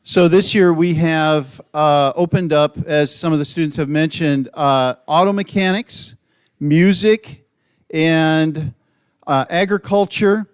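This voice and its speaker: A man's voice: on the high side, slow, clear, resonant tone. Earnest man addressing a church. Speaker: mission program leader. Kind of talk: church presentation.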